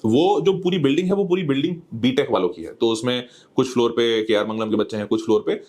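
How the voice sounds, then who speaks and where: A man's voice: medium pitch, quick pace, darkish tone. A man hosting a casual campus tour vlog, talking freely in a mix of Hindi and English as he walks around a university campus. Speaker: educator and vlogger host.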